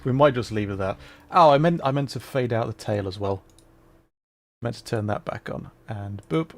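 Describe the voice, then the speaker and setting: A man hosts a gaming livestream as a VTuber, chatting casually and self-deprecatingly while he plays. His mid-range voice has vocal fry and a moderate pace.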